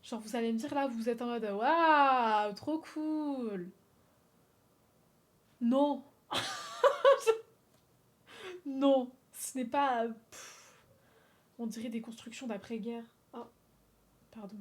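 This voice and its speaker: A woman from France chatting on a livestream, animated and swearing freely, laughing often and slipping in English phrases. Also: on the high side, slow pace, pauses often. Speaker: streamer. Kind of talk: casual livestream chat.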